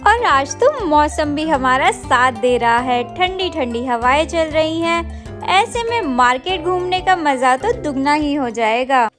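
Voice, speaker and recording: A woman's voice: high-pitched, fairly bright tone. A woman narrating a travel vlog, talking straight to her viewers with plenty of enthusiasm. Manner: enthusiastic, addresses viewers directly. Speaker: travel vlogger.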